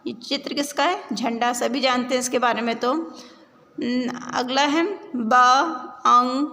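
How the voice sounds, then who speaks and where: A woman teaching a class of young children, sounding out words slowly, then asking and answering her own questions. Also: high voice, sharp tone. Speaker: primary school teacher. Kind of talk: online class lesson. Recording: roomy reverb, faint background noise.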